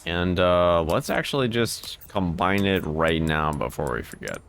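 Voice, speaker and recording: Swearing lowish-voiced gaming streamer man. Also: measured pace, soft background music. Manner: relaxed, thinking aloud, swearing. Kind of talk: casual gameplay commentary.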